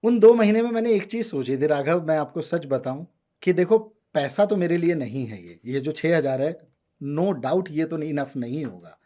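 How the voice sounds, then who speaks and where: A man in his thirties from India, a guest telling his story in a relaxed conversational way, switching between Hindi and English. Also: on the high side, normal speed. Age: 30s. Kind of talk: casual conversational interview.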